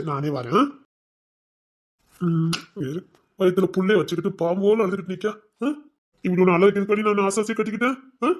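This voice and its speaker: A man's voice: high-pitched, close to an everyday voice. A man with a Tirunelveli Tamil accent playing a remorseful young husband who tenderly coaxes his pregnant wife in a domestic drama. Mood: pleading. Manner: tender, pleading, coaxing. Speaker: actor in a web series. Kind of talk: emotional domestic drama acting.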